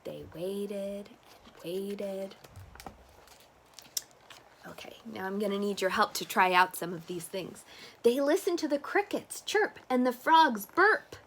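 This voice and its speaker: A woman reading a picture book aloud to toddlers, animated and coaxing, with simple questions and playful sounds. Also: mid-range voice, slow pace, pauses often, a little hiss or hum. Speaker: storyteller reading a picture book to young children.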